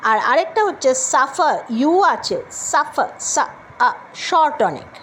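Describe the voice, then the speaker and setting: High-voiced Bengali woman teaching. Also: sing-song, fairly bright tone, slight background noise. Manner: slow, drawn-out modeling of word pairs. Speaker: English teacher. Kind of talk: classroom lesson.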